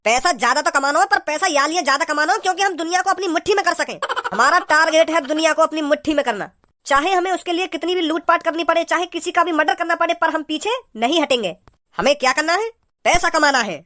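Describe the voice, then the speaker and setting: A greedy cartoon gang boss, as a voice actor plays him, boastful and bossy. He barks orders fast in a high voice. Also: sharp tone. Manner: boastful, bossy, sing-song chanting.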